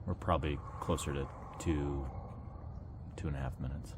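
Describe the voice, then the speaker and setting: A man's voice: extremely low pitch, fairly even intonation, moderate pace, background noise. A man chatting casually as he coaches and checks in with a companion.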